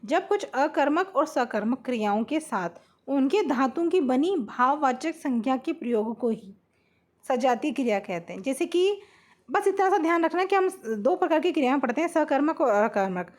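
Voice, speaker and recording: A woman with a high voice gives a blackboard grammar lesson. She explains each rule patiently and repeats her example sentences. She keeps checking that her students are following. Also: expressive, moderate pace. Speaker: Hindi grammar teacher.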